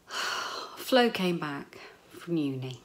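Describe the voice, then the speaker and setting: A middle-aged British woman chats to her viewers in a slightly low voice. She rambles playfully and casually, with some mild swearing. The sound is echoey, recorded on a handheld camera in a room at home. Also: sing-song, very slow. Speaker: vlogger. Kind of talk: casual chatty vlog to camera. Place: small echoey bedroom at home, indoors. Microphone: handheld camera at arm's length.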